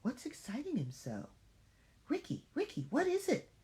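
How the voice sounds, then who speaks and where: A woman reading to a toddler, voicing a gentle, concerned female mongoose from a storybook with hesitant questions. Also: sits high, wildly swooping pitch, normal speed, pitched above the performer's own voice. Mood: worried, hesitant.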